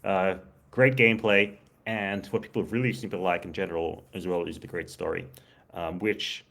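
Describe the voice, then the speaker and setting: A man's voice: low voice, steady tone, normal speed, creaky, fairly bright tone. A man hosting a casual chat, talking eagerly with lots of fillers and laughs. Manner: enthusiastic, many fillers and laughs. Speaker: podcast host.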